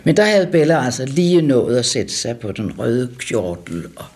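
An older woman reminiscing about her childhood, pausing and correcting herself as she talks. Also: very deep voice, very animated, a little mellow, a little hiss or hum. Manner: halting, correcting herself mid-sentence. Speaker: storyteller recalling childhood. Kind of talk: casual reminiscing.

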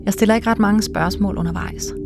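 A woman narrating a documentary in a calm, measured, soft-spoken way. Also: medium pitch, vocal fry, music in the background. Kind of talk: scripted narration.

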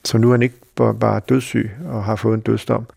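Gravelly, husky man telling a story. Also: lowish voice, flat delivery, darkish tone, no echo, studio quality. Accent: Danish. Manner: halting, reflective, many fillers. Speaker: interviewee recalling a friend. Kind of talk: personal storytelling.

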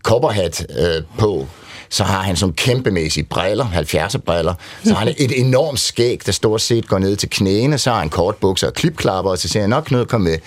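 A man's voice: lowish voice, lively intonation, no room sound. A middle-aged man, telling his story candidly and rambling as an interview guest, often tagging on "ikke?". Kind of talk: conversational storytelling.

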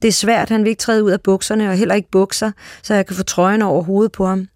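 A reader narrating a literary short story aloud in a calm, steady way. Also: medium pitch, dry recording, clean studio sound.

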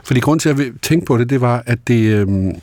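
A man's voice: mid-range voice, expressive, noisy background. A man interviewing an author, hesitant with many fillers and restarts. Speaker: interviewer host. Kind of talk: conversational interview.

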